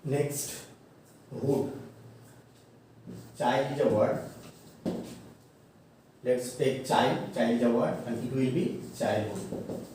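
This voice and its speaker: Slow, halting male teacher in echoey room. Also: medium pitch, steady tone. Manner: slow, halting, many fillers and self-corrections, spells words out. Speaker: college English teacher. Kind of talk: classroom grammar lecture. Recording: echoey room, mic far off, faint noise.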